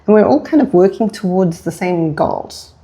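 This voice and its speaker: Mellow-voiced woman co-hosting a podcast. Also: lowish voice, lively intonation, normal speed. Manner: encouraging, enthusiastic, talks in long linked thoughts. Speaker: podcast co-host. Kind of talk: casual podcast conversation.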